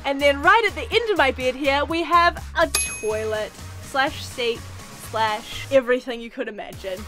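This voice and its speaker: A young woman giving a playful, excitable tour of a sailing catamaran, filmed on a handheld camera. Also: high-pitched, normal speed, over music. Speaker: crew member giving boat tour. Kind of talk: casual vlog tour.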